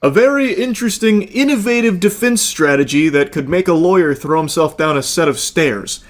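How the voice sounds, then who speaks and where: A man's voice: a little high, expressive, normal speed. A man giving sardonic commentary in a wordy, dryly sarcastic way.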